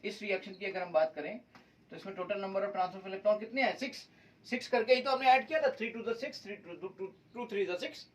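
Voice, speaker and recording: A male chemistry teacher lectures at a whiteboard, blending Hindi with English terms and calling his students "beta." His voice sits high and comes from away from the mic in a low-quality recording.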